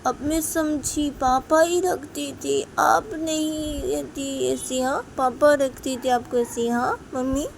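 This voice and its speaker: A woman voicing a whiny, hurt little girl who talks slowly and repeats herself. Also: high voice, fairly even intonation, vocal fry, a little hiss or hum, voice pushed up, exaggerated voice. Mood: whining. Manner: slow, whining, repeating herself.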